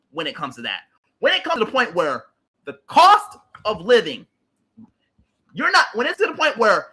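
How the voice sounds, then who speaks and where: The audio is poor, but the extremely high, sharp voice of a late-30s livestream host comes through as he rants about politics. He's heated and emphatic, repeating points and swearing bluntly.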